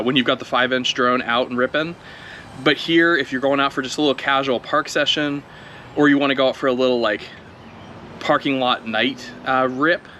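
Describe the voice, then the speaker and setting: A drone video creator with a medium-pitched voice chats casually outdoors during a first flight, relaxed and thinking aloud as he flies. There's a slight hiss or hum in the audio.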